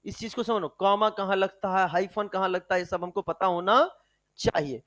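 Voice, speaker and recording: A male chemistry teacher giving an energetic lecture, firing questions at his students and calling them "beta" as he coaxes and scolds. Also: sits high, normal speed. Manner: animated, fires rhetorical questions at students.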